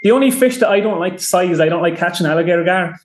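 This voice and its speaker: Animated Irish man, echoey room. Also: sits high, fast. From Ireland. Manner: animated storyteller, rambling with many fillers and restarts. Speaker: podcast guest. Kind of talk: casual chat.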